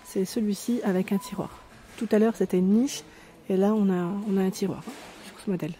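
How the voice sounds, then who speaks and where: A woman filming herself as she walks through a discount store, reading out prices and pausing now and then to check the labels. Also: mid-range voice, steady tone, warm tone, a little hiss or hum. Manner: chatty, pauses to check labels, reads prices aloud. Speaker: vlogger touring a discount store. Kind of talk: casual store-walk commentary. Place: inside a large retail store.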